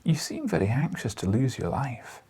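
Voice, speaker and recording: A man acting crabbed old Scottish news editor, husky breathy voice, swooping pitch, wry, avuncular, audiobook character. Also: very animated, moderate pace, mellow. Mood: doubtful, discouraging. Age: older.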